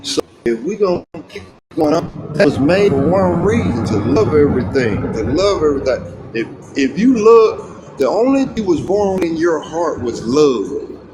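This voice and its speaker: A man's voice: a little high, sing-song, a little slow. Man on a choppy, cutting-out call. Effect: bad call connection, voice cutting in and out. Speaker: caller. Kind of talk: call-in debate on a live stream. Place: in his truck. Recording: choppy noisy call from a truck.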